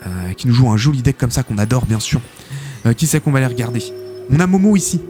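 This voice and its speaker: A man casting a live esports tournament as host, excitable and chatty, full of filler interjections. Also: mid-range voice, fast. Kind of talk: live game commentary. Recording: game music behind the voice. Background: game music.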